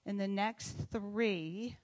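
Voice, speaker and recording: A woman who teaches a children's class, sharing at church in a measured, reflective way. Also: mid-range voice.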